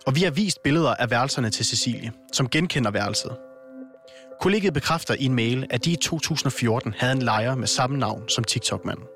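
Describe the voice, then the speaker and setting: A male host reads scripted documentary narration with calm, measured reporting. His voice sits at an average pitch for a man. Faint music plays under him.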